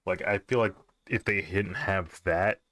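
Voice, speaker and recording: A man's voice: sits low, fairly even intonation, a little slow, a bit bright, no echo. A man streaming, chatting casually and offhandedly, with lots of fillers and some swearing. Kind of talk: casual chat.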